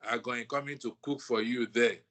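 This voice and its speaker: A Nigerian man speaks as an interview guest. His voice is bright and forceful, and he is lively as he recalls the past. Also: mid-range voice, moderate pace. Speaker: guest, brass band musician.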